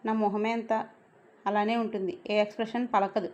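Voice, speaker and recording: A woman's voice: mid-range voice, level tone, a little fast, darkish tone, muffled recording, natural voice. A woman voicing a shy, awkward young man who gets easily flustered in a romance story. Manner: meek and flustered.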